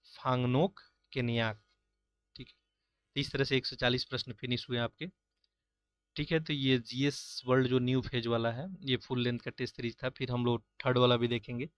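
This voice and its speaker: A man takes his students through a practice test question by question, keeping his delivery steady and explanatory. His voice stays at a middling pitch with very little rise and fall. The sound is close and dry, with no room around it. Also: no room sound, muffled recording. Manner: steady, explanatory, repeats filler "jo hai". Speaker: exam-prep teacher. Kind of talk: going through mock-test answers.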